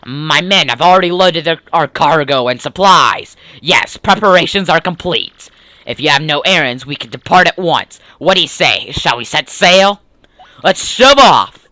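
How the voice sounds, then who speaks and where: A man's voice: a little high, sharp tone, no room sound. A man voicing a pompous, swaggering ship captain in a grand, theatrical pirate voice.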